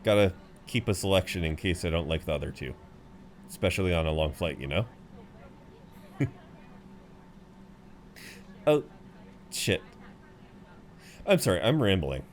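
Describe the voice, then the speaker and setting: Low-pitched and a little slow, with lively intonation and frequent pauses, this man's voice comes through a little hiss or hum. He plays a friendly, rambling, good-humoured tall frequent flyer comforting the person beside him, performing just one side of an intimate roleplay audio.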